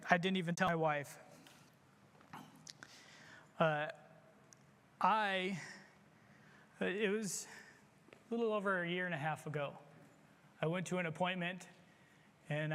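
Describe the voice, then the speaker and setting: A man with a high voice gives an earnest sermon testimony, speaking plainly about his own failings. His voice carries a long reverb, as if picked up in a large church hall. He speaks in a confessional tone and presses his listeners to act. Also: fairly bright tone. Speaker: church member giving testimony.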